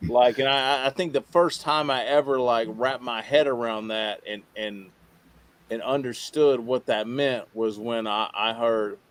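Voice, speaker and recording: A man talking casually as a podcast guest, halting and rambling as he repeats himself, with informal swearing. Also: medium pitch, fairly even intonation. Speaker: podcast guest, radio show co-host. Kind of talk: casual interview talk.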